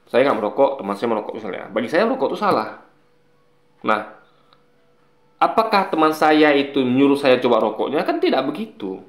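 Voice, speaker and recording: A man giving casual commentary to his viewers, explaining his points with examples and repeating them in an animated way. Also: mid-range voice, fairly quick, long pauses. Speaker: commentator reacting to video clips. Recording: echoey room.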